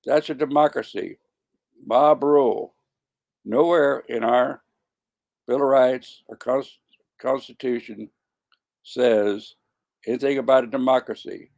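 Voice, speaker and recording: Man, 70s, gravelly, halting delivery with frequent restarts; casual to-camera monologue. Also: mid-range voice, a little mellow. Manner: stumbling, repeats and corrects himself. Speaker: vlogger.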